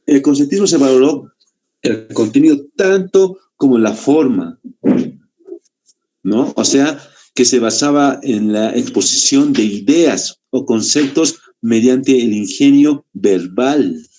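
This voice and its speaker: A man from Bolivia teaches a literature class in a relaxed, mellow voice at a middling pitch. He explains patiently, stretching out key words and checking in with a quick "¿no?" after almost every point. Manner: explains with rhetorical questions and frequent "¿no?". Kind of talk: literature lesson for exam applicants.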